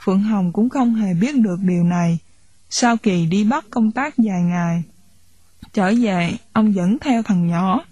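A woman reads a novel aloud at a steady storytelling pace. Her voice is husky and breathy, in a middle pitch. The recording is dry and close, with no room sound. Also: measured pace, dry recording. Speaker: audiobook narrator.

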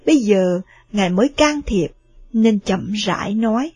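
A woman narrating a story in a steady, expressive reading. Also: medium pitch, moderate pace, breathy edge, no room sound.

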